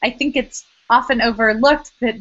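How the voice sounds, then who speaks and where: A woman's voice: on the high side, fairly even intonation, normal speed, fairly bright tone. A woman hosting an interview, chatting thoughtfully with a light laugh now and then. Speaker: host. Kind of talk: conversational interview. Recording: dry, dull lo-fi audio.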